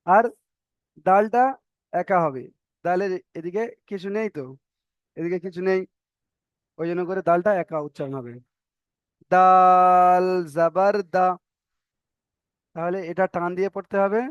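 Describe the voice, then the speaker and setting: A man teaching a recorded class on reading the Quran, spelling out letters one by one and stretching vowel sounds slowly, patient and repetitive as he checks that students follow. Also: high-pitched, no echo, muffled recording. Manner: patient, repeats each example and checks understanding.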